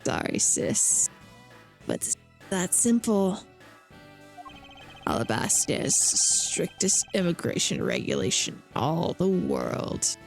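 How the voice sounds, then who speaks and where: A woman voicing a cocky, dismissive male agent in a video game, with cool, condescending, drawn-out delivery. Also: on the low side, huge pitch swings, creaky, soft background music, voice pushed down, full character voice. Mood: smug. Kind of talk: acted video game dialogue read-aloud.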